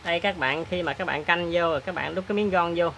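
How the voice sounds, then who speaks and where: Man, chatty repair tutorial, lots of filler pauses, bright tone. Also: a little high, vocal fry, slight background noise. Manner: chatty, plain-spoken, many filler pauses. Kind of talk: hands-on repair demonstration.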